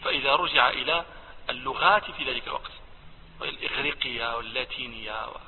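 Moroccan teacher, fast, tinny phone-like sound with a long echo, tests the class with questions. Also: male voice, medium pitch, slight background noise. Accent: Moroccan Arabic. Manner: explains by quizzing listeners. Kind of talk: classroom discussion.

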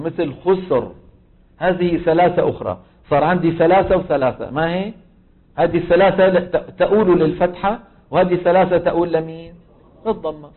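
Man teaching over a tinny line. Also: fairly high pitch. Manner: quizzes the class with constant questions, then answers them himself. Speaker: Quran recitation teacher. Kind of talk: classroom lesson.

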